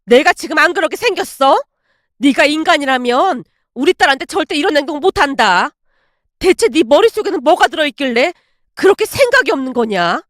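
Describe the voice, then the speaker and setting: A woman voicing a sharp-tongued middle-aged mother who scolds and shouts at her daughter-in-law, in a dry close recording. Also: high voice, sing-song, fairly quick, dry recording. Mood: furious.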